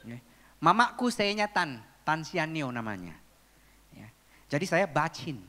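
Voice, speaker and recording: High-voiced male pastor in a hall. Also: a little slow. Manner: lively, humorous storytelling. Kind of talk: sermon. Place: church auditorium. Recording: long reverb of a large hall.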